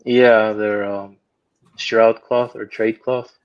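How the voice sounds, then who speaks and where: Low-voiced man on a muffled call. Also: slow, clean tone. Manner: relaxed, hesitant, lots of fillers. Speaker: guest. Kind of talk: casual chat.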